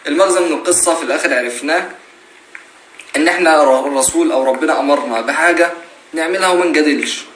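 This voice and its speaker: Earnest fast-talking young Egyptian man. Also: fairly high pitch, fairly bright tone. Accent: Egyptian Arabic. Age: 20s. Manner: earnest, explanatory, rhetorical questions. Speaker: guest on a live stream. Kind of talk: casual religious advice. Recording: roomy echo, faint noise.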